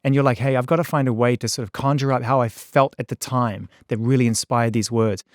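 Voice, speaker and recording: Middle-aged male host, quick and enthusiastic, repeats for emphasis, dry studio sound. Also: mid-range voice, steady tone, dry recording. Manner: fast, enthusiastic, emphatic and repetitive. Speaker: interviewer, host. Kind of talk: casual conversational interview.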